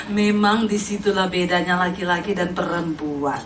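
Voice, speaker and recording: A woman's voice: mid-range voice, gravelly, slight background noise. A woman pastor, giving a humorous sermon full of anecdotes and quoted voices. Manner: animated storytelling with quoted voices and laughter. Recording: echoey hall, mic from a distance.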